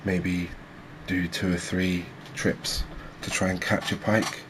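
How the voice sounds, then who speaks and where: This is relaxed ASMR game commentary from a gaming creator, a soft-spoken man with a deep voice who takes his time and stays near the mic. The recording carries clear ambience and background noise.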